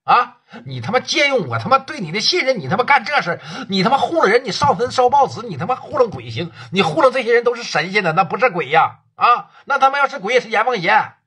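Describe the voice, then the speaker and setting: Male narrator as raging northern gang boss, pitched up, husky, cursing. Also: big pitch swings, a little fast, long pauses, full character voice. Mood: furious. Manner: swearing, yelling threats. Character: furious hot-tempered male gang boss.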